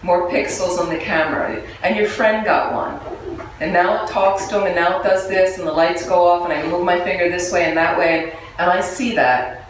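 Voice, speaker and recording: A woman gives a relaxed, humorous Buddhist teaching and keeps turning questions back to her listeners. Her voice rings through a strongly reverberant room. She sits away from the microphone, with a faint murmur of ambience underneath. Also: fairly low pitch, moderate pace, far from the mic, slight background noise. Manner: conversational, humorous, asks the audience questions. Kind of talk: dharma talk to a live group.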